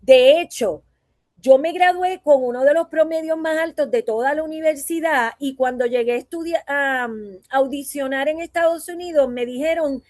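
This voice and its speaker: A woman's voice: sits high, darkish tone, no echo. A Puerto Rican woman who teaches voice and acting, speaking in an earnest, reflective way at a talk and often tagging her sentences with "¿verdad?". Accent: Puerto Rican Spanish. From Puerto Rico. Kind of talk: conference talk.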